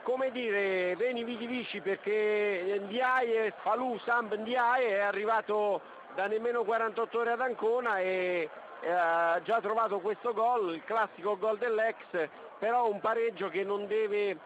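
A man commenting on a live football match on the radio with reflective, measured analysis. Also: high voice. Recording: dull lo-fi radio feed, loud background noise.

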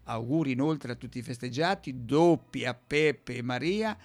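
A man's voice: mid-range voice, moderate pace. A man with an Anconetano accent hosting a local radio show, chatting, laughing often and reading listener greetings. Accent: Anconetano Italian. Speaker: radio host. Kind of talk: casual radio chat, reading listener messages.

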